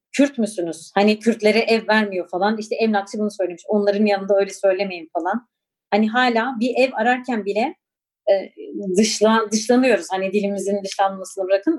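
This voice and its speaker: A woman's voice: on the high side, darkish tone. A woman in her forties from Turkey, recalling her past in an interview with a reflective, hesitant manner and many fillers. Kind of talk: personal recollection.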